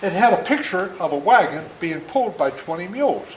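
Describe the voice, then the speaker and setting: Fairly quick and full of swooping pitch, a seventy-something author brings his book to life for a young school audience indoors. He chats with the children in a folksy way and dramatizes scenes. Background noise is faint, and the room echoes.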